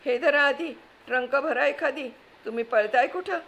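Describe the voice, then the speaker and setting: A woman voicing a bossy middle-aged wife who scolds and commands her husband in a sharp manner, read from a storybook. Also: high-pitched, moderate pace, voice pushed up. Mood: scolding. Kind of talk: storybook reading.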